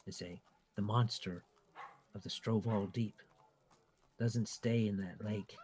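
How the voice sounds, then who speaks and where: A man voicing a folksy small-town schoolmarm who tells spooky rumors in a hushed, gossipy way. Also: fairly low pitch, fairly even intonation, slow, a little hiss or hum. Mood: ominous, folksy.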